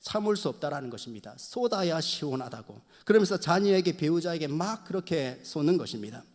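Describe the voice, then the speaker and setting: Male pastor, fairly high voice, earnest sermon delivery, long reverb of a church hall. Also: animated, brisk. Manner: earnest preaching, repeatedly addressing the congregation. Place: church sanctuary.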